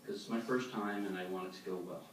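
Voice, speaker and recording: This congregation speaker talks fast in a lowish voice, giving a plain, instructional religious demonstration before an audience. He's far off the mic in an echoey meeting hall, so his words ring with heavy reverb over faint background noise.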